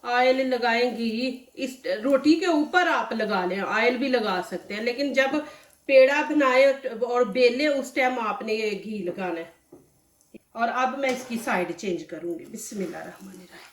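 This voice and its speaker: A woman's voice: fairly high pitch, unhurried, a little hiss or hum. Woman with a sore throat in an echoey kitchen. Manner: chatty and instructive, often says "see this". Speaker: cooking channel host. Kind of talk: step-by-step cooking demonstration. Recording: echoey room, mic at a distance.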